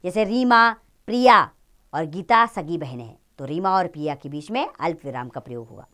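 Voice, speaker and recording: A woman teaching children a grammar lesson, speaking in an expressive, explaining tone. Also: moderate pace. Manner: expressive, rises and falls in pitch.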